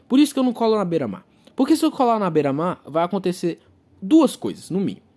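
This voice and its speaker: A man's voice: high-pitched, dark tone. A young Brazilian man with a Brazilian accent, delivering a profane comic rant monologue. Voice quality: profane, ranting.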